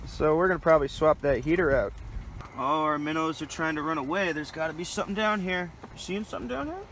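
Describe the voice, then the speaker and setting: A man's voice: a little high, fast, fairly bright tone, a little hiss or hum, low-quality recording. A young man casually vlogging his ice fishing from inside a small shanty, chatty and joking to the camera. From Michigan. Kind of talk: casual outdoor vlog narration. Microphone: handheld action camera.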